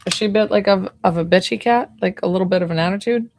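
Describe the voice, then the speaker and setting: On a live stream, an intuitive healer in her forties talks casually and fast, her mid-range voice soft and a little hoarse and full of fillers. There's no room sound in the recording.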